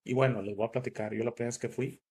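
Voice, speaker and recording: A man's voice: mid-range voice, fairly even intonation, racing, a little mellow, breathy edge. A man from northern Italy, the host, telling a personal story in a reflective, casual way. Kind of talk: casual chat.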